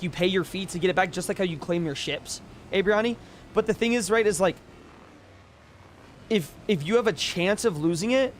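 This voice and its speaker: A man's voice: sits high, a little hiss or hum. A young man live-streaming a game, ranting casually and emphatically, swearing freely.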